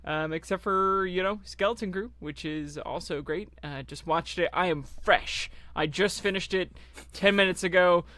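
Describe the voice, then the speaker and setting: A man's voice: sits high, moderate pace, sharp tone, dry recording. A young man co-hosting a casual podcast, telling stories in a rambling, laughing way. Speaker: podcast co-host.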